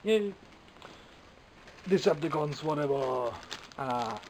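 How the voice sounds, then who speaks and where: A young Scottish toy collector vlogger speaks from behind the camera about his haul in a casual, wry, rambling and self-mocking way, a bit phlegmy and coughing at times. His voice is on the high side and expressive, at a slow pace. The camera mic recording is low-quality, with a little hiss or hum.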